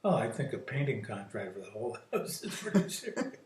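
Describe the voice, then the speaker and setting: A man's voice: mid-range voice, big pitch swings, a little fast, a little mellow, echoey room, slight background noise. Older man making dry jokes. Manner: dry, joking asides. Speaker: co-host. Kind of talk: casual banter. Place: home patio. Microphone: computer's built-in microphone.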